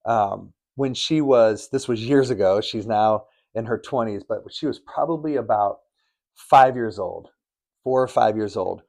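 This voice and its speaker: A middle-aged podcast co-host tells earnest, preachy stories during a faith-focused chat recorded in an Arizona studio. He has a fairly low, creaky voice that is a little mellow, and he speaks unhurriedly.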